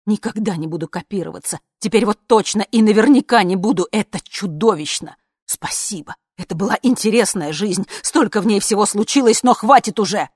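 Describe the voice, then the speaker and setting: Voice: medium pitch, brisk, no echo, lightly acted. A reader voicing a bitter, furious older mother who screams and scorns, in a dry studio reading. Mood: weary, dismissive. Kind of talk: audiobook character reading.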